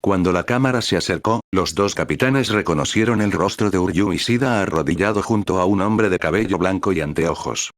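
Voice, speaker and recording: A man reading a fan-fiction story aloud as narrator in steady storytelling narration. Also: sits low, fairly quick, hardly any pauses, no echo.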